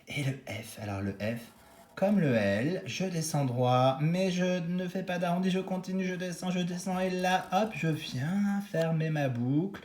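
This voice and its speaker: A man guides small children through cursive letters one stroke at a time, calm and encouraging. His voice sits at an ordinary pitch and carries a roomy echo from the space around him. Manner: slow, step-by-step guiding, encouraging. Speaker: kindergarten teacher. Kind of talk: remote handwriting lesson for young children.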